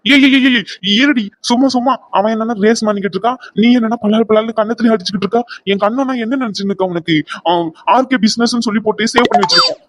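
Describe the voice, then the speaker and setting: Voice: medium pitch, rapid-fire, fairly bright tone, natural voice. A performer voicing a captured villain in a cartoon, a boastful man turned whiny coward who grumbles and pleads comically.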